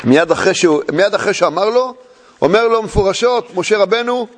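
High-voiced man preaching in a hall. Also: background noise. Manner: animated storytelling with rhetorical questions and humor. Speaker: religious teacher. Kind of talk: lively sermon. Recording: long hall reverb.

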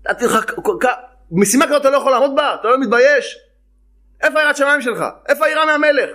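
A stern king scolds with sharp, rebuking questions, put on by a male preacher. The voice sits very high. It is told as part of a spoken parable. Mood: scolding.

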